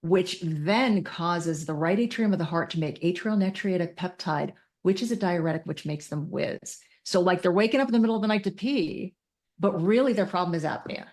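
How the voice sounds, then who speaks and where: Appearing as an expert guest on a podcast, a woman who works as a mental health clinician explains things emphatically and in detail, blending technical jargon with casual wording. Her voice is fairly low, a little mellow, and her pace is brisk.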